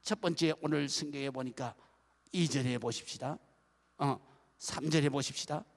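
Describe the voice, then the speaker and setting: A man's voice: medium pitch, moderate pace. A male pastor preaching a sermon to his congregation, emphatic and full of rhetorical questions. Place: church sanctuary. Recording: long church-hall reverb.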